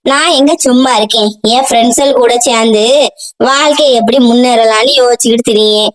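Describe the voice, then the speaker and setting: A woman's voice: on the high side, natural voice. A woman voicing a cheeky, lazy young male chilli in a cartoon. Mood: whining. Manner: whiny, complaining, fast.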